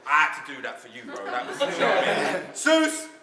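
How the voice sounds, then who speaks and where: A man's voice: a little high, wildly swooping pitch, brisk, reverberant. A man hosting a rap battle, loose and rousing the crowd. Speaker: battle host. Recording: distant mic, loud crowd and noise.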